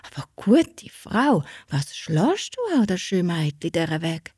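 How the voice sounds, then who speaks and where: A woman voicing a fairy-tale king who speaks slowly and grandly. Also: on the low side, sing-song, a little mellow, husky, no room sound, studio quality, full character voice. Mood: stately. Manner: slow, measured, lordly.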